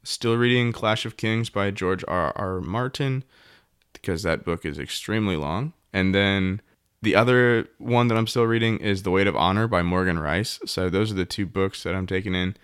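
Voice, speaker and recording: Very deep-voiced man, casual chat. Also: normal speed, fairly bright tone, clean tone, no echo, studio quality. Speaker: podcast co-host.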